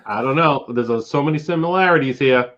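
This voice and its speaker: A man's voice: mid-range voice, brisk, fairly bright tone. A man co-hosting a casual podcast, teasing the others. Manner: teasing, jokey. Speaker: podcast co-host. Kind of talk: casual chat. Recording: dull lo-fi audio.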